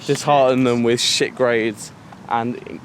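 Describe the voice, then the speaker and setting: A man's voice: medium pitch, steady tone, slow pace, a little hiss or hum. A young man outdoors, ranting heatedly at a friend's camera. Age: young adult. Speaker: interviewed student.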